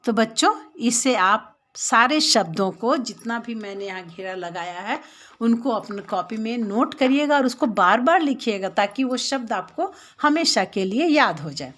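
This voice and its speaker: A woman with an Indian accent teaches a lesson to young children, speaking to them directly and explaining things patiently step by step while repeating words. Her voice is fairly high and bright, animated, at a normal speed.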